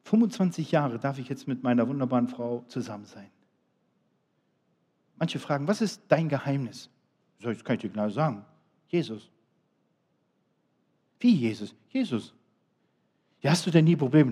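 A middle-aged man preaching a sermon, swinging between loud, emphatic appeals and quiet, low asides. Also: animated, moderate pace, pauses often, husky.

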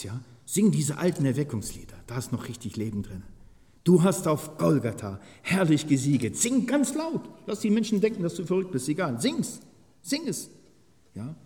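A man preaching a sermon with fervor, speaking directly to his listeners and swinging between hushed and loud passages. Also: mid-range voice. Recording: long hall reverb.

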